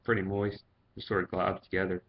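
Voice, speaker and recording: A man's voice: deep voice, little pitch movement, brisk, vocal fry. A man giving a casual, chatty product review in vlog style. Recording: dull, lo-fi sound.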